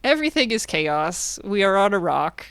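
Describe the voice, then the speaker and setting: A woman hosting a podcast, asking questions in a relaxed, rambling, casual way. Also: medium pitch, moderate pace, dry recording. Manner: relaxed, asks questions, rambles in loose phrases. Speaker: podcast host.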